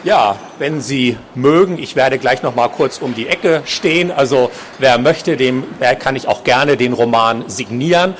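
A male author reading from his novel at a book fair in a measured, expressive way. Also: medium pitch, slight background noise.

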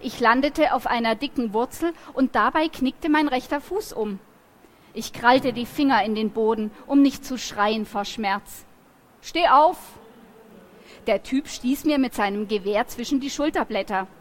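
Expressive woman reading a novel aloud. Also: fairly high pitch, normal speed. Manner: lively, expressive storytelling. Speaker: reader.

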